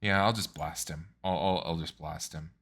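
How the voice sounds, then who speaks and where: A man's voice: sits low, steady tone, normal speed, a bit bright. A man playing a tabletop game, hesitant and laughing often. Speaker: player. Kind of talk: casual tabletop play.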